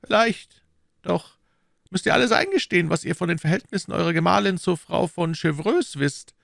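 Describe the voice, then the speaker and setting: A man's voice: high-pitched, normal speed, creaky, no echo, studio quality, pitched above the performer's own voice, exaggerated voice. A man voicing an imperious, scheming older cardinal who questions sharply, in a storybook reading. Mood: probing. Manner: sharp, probing interrogation.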